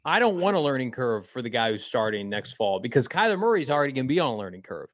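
A man's voice: medium pitch, sing-song, fast talker, no echo. A man co-hosting a live sports podcast, chatting casually in an upbeat, folksy way. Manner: upbeat, folksy sign-offs. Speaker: podcast co-host.

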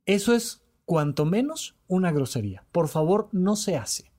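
High-voiced man, animated and emphatic. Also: measured pace. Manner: animated, repetitive, acts out quoted dialogue. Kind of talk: podcast talk on emotional health.

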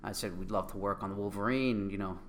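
A middle-aged man with a Queens, New York accent, casually telling an anecdote in an animated, excitable way. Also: lowish voice, fast, a little hiss or hum. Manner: animated, excitable storytelling with acted-out quotes. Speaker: guest, company co-founder.

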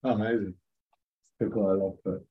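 Husky and lowish, this rabbi's voice holds a steady tone as he talks a little fast, captured with lo-fi sound. In an informal class before a live group of students, he's chatty, says "like" often, and keeps asking the listeners questions.

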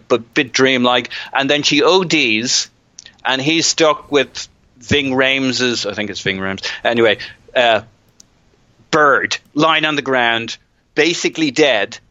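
A man's voice: mid-range voice, pushed and bright, dry recording, muffled recording. A man co-hosting a podcast, chatting loosely and jokingly about football, often restarting his sentences. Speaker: podcast co-host. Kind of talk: casual football chat.

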